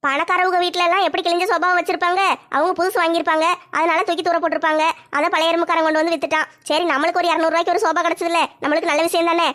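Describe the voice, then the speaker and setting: A bossy, thrifty village mother, played by a woman, talking quickly in a very high voice. She scolds and tells stories bluntly, teasing those around her in a homemade comedy skit. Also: level tone, a bit bright.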